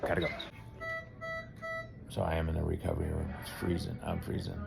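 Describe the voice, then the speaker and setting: A man's voice: a bass voice, completely flat delivery, fairly quick, gravelly, over loud music. A man in his fifties recording a nervous, rambling video diary on his phone, first from a car and then from a hospital room. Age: 50s. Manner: nervous, rambling, self-deprecating. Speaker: vlogger.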